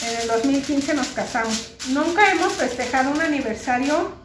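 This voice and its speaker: Mexican woman in her thirties, high voice, casual vlog chat, roomy sound with noise behind. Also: lively intonation, moderate pace. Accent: Mexican Spanish. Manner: chatty, talks straight to her viewers. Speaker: vlogger and homemaker. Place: home kitchen indoors, later outdoors at a park.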